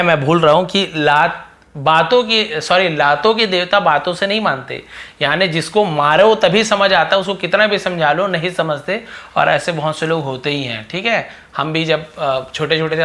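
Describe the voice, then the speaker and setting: Bright-voiced male English teacher. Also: fairly high pitch. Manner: slow word-by-word reading of English phrases, then explanation. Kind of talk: explaining an English story in Hindi.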